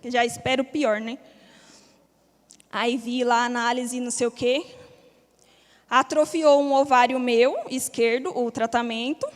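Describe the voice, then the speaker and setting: A woman's voice: fairly high pitch, fairly even intonation, a little slow, pauses often. A young woman gives her personal testimony in a church hall, telling it in a candid, slangy way. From Brazil. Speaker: church member giving testimony. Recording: long reverb of a church hall.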